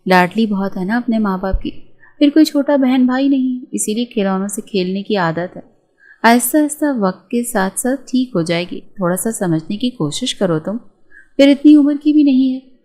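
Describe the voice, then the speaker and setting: A calm, middle-aged mother, put on by a woman narrator in an audio storybook. She reassures her son patiently in an everyday voice. The tone is warm and mellow. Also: on the high side, natural voice. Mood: reassuring.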